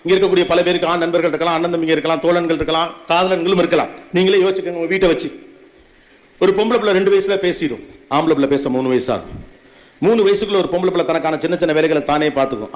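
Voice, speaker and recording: A man delivers a motivational talk to a live audience at a rapid clip. His voice sits high, and he hammers home his points with rhetorical questions and repeated phrases. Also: steady tone. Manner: emphatic, rhetorical questions, punchy repetitions. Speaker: motivational speaker. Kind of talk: public motivational speech to an audience.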